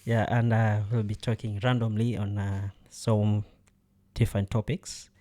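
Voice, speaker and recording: A male podcast host chats casually, with frequent pauses and fillers. His voice sits low and sounds warm and relaxed. He laughs easily as he talks. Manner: hesitant, many fillers, laughs often. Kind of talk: casual conversation.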